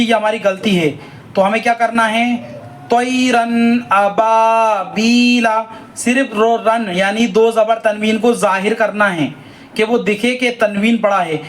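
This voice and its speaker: A man teaching Quran reading, drawing out each letter sound slowly in a sing-song way, then explaining briskly. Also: sits high, rough recording. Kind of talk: slow spelled-out recitation lesson.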